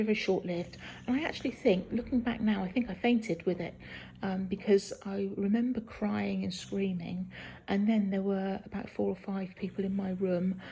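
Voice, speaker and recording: A woman talking casually in a halting video diary from a hospital room, sounding weak and tired and in some pain hours after surgery. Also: mid-range voice, warm tone, muffled recording, a little hiss or hum. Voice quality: husky, creaky. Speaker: patient recording a post-op video diary.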